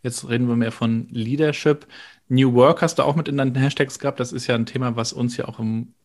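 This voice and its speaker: A man's voice: mid-range voice, steady tone, a little fast. A man from Rostock hosting a podcast, asking friendly questions in a casual interview. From Rostock, Germany. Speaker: podcast host.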